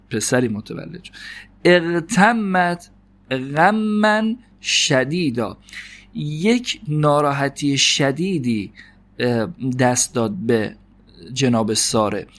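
A man giving an Arabic grammar lesson. He reads the Arabic text slowly and explains it quickly, asking questions and answering them himself. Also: mid-range voice, gravelly. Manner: slows down to read Arabic text, then explains quickly in Persian. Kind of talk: classroom lecture.

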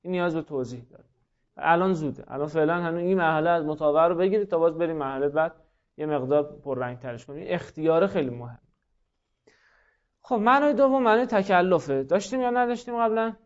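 Speaking on the high side with lively intonation, a man delivers a classroom lecture step by step. He keeps repeating points and quizzing his students, and the audio is dull and lo-fi.

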